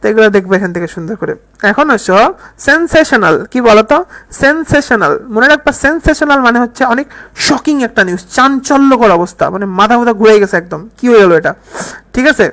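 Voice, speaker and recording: A woman's voice: fairly high pitch, expressive, brisk, fairly bright tone. A woman teaching English vocabulary in a recorded lecture, repeating each word and quizzing her listeners with questions and playful memory tricks. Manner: uses playful mnemonics and acts out sample phrases.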